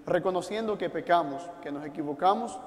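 A man's voice: sits high, a little fast, a little hiss or hum. A male priest with a Puerto Rican Spanish accent leading a memorial mass, speaking pastorally and directly to those watching at home. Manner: warm pastoral, direct appeals to listeners at home. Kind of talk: liturgical address to an online congregation. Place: church altar. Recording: long church reverb.

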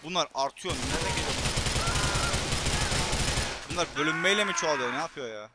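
Young male gameplay commentator, excitable and teasing, slightly high voice, heavy game gunfire in the mix. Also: brisk, very noisy. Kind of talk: casual let's-play commentary. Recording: loud gunfire from the game behind.

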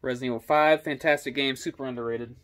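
A young man casually running through his video game collection, giving quick offhand comments on each title. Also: medium pitch, fairly even intonation, fairly bright tone, slight background noise. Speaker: gaming YouTuber.

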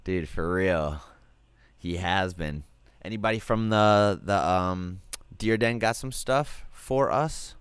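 A laid-back man with a deep, smooth and clear voice chats casually over a video call, full of fillers and casual swearing. The sound is dry and close. Faint music plays underneath. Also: slow, no echo. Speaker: stream host reviewing music submissions. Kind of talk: casual chat.

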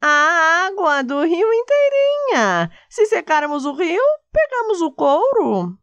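Woman voicing a high-pitched eager storybook dog. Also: sing-song, slow, highs cut off, exaggerated voice. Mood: eager scheming. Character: hungry, eager storybook dogs with a simple scheme.

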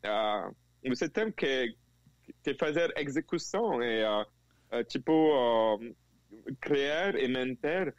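A man's voice: medium pitch, expressive, takes it slowly, dry recording, lo-fi sound. A man from France, a company CEO, speaking Portuguese as a second language in an interview, hesitant with many fillers. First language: French.

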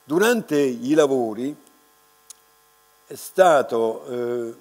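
Slow, unhurried older man lecturing in a hall. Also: medium pitch, animated, darkish tone. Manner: unhurried and reflective, with many pauses and restarts. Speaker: art restorer giving a lecture. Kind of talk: slow, unscripted lecture to an audience. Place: large dark lecture hall, standing at a lectern. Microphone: lectern microphone. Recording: reverberant lecture hall with mains hum.

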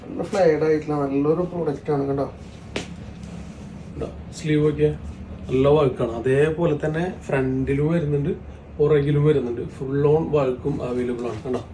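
A man's voice: on the high side, steady tone, moderate pace, mellow. Roomy-sounding Kerala man mixing in English. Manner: mixes many English words into Malayalam; repetitive, salesy patter with frequent tag words. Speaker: shop presenter selling women's outfits. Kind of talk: sales pitch showing products. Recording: roomy, distant mic, faint background noise.

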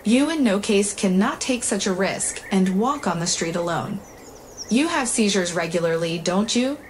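A woman's voice: mid-range voice, animated, normal speed, natural voice. A woman voicing an earnest, caring young male paramedic student, with faint noise in the recording.

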